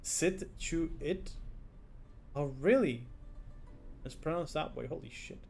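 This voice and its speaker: A man's voice: a little high, expressive, normal speed, gravelly, a little mellow. A man streaming a game live, chatting casually and reacting aloud as he plays and reads chat.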